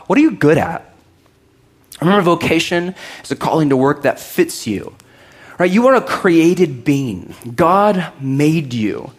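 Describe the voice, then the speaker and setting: A middle-aged man preaching a sermon to a congregation, joking often and acting out listeners' doubts. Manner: lively, joking, acts out listeners' doubts in a higher voice. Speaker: pastor.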